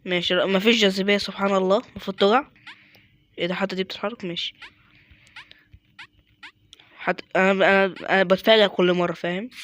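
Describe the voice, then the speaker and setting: A man's voice: high voice, steady tone, quick pace, pauses often, a bit bright. Muttering Egyptian man gaming. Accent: Egyptian Arabic. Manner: mutters to himself, self-mocking, with sudden exasperated outbursts. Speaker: gaming YouTuber. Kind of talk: casual gameplay commentary.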